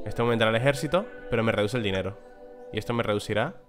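A man's voice: on the low side, rapid-fire. A young man with a Spain Spanish accent, reading out game text and commenting casually, swearing and exclaiming when things go wrong. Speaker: gameplay commentator. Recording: music playing behind the voice.

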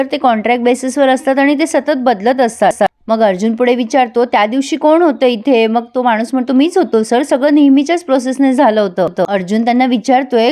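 A woman's voice: fairly high pitch, darkish tone. A woman reviewing a TV serial, retelling the episode and quoting each character's lines in turn while speaking to viewers.

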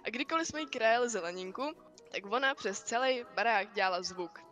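A woman's voice: a little high, expressive, a bit bright, faint music behind. A woman chatting on a video call, giggly and telling stories. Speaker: guest. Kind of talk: casual video chat.

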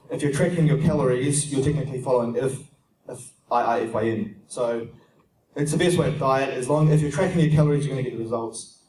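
Answering audience questions at a casual expo seminar, a young fitness speaker from New Zealand explains in a steady, plain way, often saying "um," with a medium-pitched voice. A distant camera captures him, handheld mic in hand, across a spacious, echoing conference room with faint background noise.

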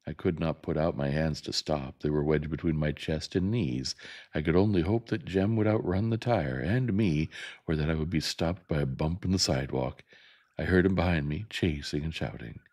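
A man narrating a novel in a gentle, soft ASMR reading. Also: a bass voice, normal speed.

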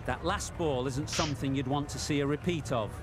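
A man voicing a plain, brisk play-by-play cricket commentator in a video game. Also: on the high side, natural voice. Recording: noisy game commentary under stream.

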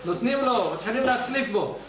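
High-voiced man teaching in an echoey hall. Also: slight background noise. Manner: lively storyteller who acts out the quoted voices. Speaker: rabbi teaching a weekly Torah class. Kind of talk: weekly Torah lesson. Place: study hall. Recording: very echoey hall, mic at a distance.

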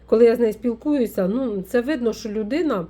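A woman from Ukraine, a folk witch vlogger, chatting warmly as she unpacks a parcel, full of fond diminutives. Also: on the high side, a little fast. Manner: warm, doting, with many fond diminutives. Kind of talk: casual unboxing vlog.

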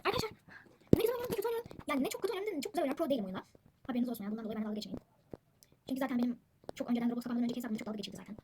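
A woman's voice: a little high, lively intonation, very fast, a little mellow. A woman chatting casually to viewers while playing a game and commenting on it. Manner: chatty, addresses viewers constantly. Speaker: gaming channel host. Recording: noisy background with siblings chattering. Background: siblings talking in the background.

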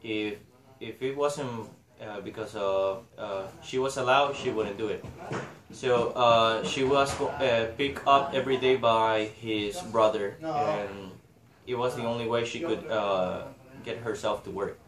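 A young Honduran man gives a class presentation in English, hesitant and full of filler uhs. His voice is on the low side, steady and a little slow. It was recorded on a laptop mic in a small, echoey room, with a crowd audible in the background.

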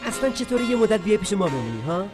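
An actor playing a cheerful, bossy friend who teases and coaxes. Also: male voice, high-pitched, very animated. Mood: coaxing. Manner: teasing, coaxing, exclamatory. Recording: film soundtrack music behind.

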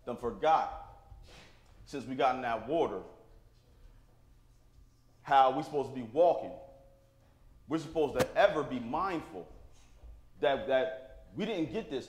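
A man preaching a sermon to his congregation, talking plainly and informally and checking in with "right?" after his points. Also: mid-range voice. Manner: call-and-response, asks the congregation "right?"; plain-spoken, informal grammar. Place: church sanctuary. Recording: echoey church room.

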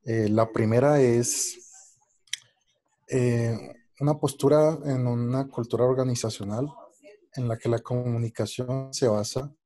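A man's voice: mid-range voice, steady tone, measured pace, warm tone. A man asking a polite, formal question over a video call whose audio keeps breaking up. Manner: polite and formal, with hesitant fillers. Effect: choppy, breaking-up video call audio. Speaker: webinar attendee asking a question.

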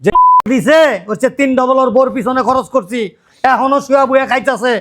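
An actor playing a loud middle-aged father-in-law who keeps berating his idle son-in-law. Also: extremely high pitch, steady tone, brisk, background noise. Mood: furious. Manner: shouting, berating, repetitive rants.

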